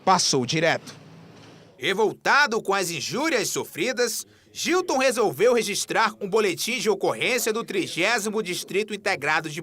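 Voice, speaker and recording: A male TV reporter with an Amazonas Brazilian accent narrating a scripted news story in a dramatic way. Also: bright, forceful tone. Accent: Amazonas Brazilian Portuguese. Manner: dramatic storytelling delivery with wide pitch swings.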